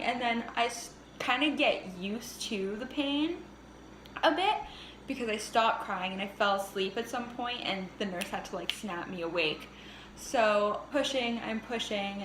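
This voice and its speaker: A young woman vlogger telling a casual storytime, animated and often laughing. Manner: animated, laughing often, cursing, pitch jumps when reliving the pain. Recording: echoey room with faint hiss.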